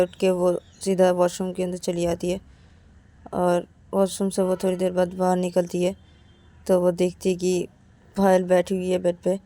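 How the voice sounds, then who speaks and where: Soft-spoken woman narrating a story. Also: no room sound. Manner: soft, low-key, repetitive linking words.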